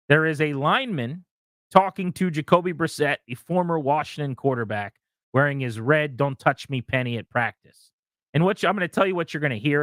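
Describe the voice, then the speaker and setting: A man on sports talk radio, his voice sitting a little high for a man and recorded dry and close. He lays out his opinions with conviction and speaks right at his listeners. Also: fairly bright tone, no echo. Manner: opinionated, talks straight to listeners. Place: radio studio.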